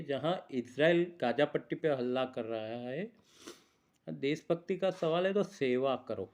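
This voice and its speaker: A man giving casual devotional advice to viewers, chatty and scolding, reciting mantras and timings. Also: mid-range voice. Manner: chatty, scolding, switches between lecture and aside. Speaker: astrologer giving festival advice.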